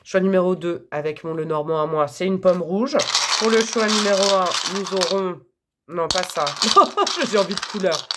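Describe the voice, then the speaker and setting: A woman's voice: fairly low pitch, moderate pace, very noisy. A woman reading tarot for her viewers in a chatty, casual way, with many fillers and frequent laughs. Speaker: tarot reader.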